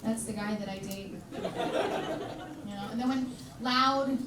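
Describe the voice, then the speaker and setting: A woman's voice: on the high side, takes it slowly, a loud crowd, very noisy. A woman doing stand-up comedy in a live club, brash and chatty, teasing the audience. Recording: echoey club, heard from far off. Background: audience laughter.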